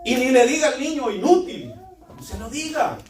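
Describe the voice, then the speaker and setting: A man's voice: extremely high pitch, brisk. Male preacher, fervent sermon, roomy church echo, distant mic. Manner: fervent, repeatedly addressing the congregation as brothers.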